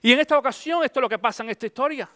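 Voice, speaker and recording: Man, middle-aged pastor, high voice, conversational sermon, dry close sound. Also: very fast, bright, forceful tone, dry recording. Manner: conversational preaching, mixes English phrases into Spanish.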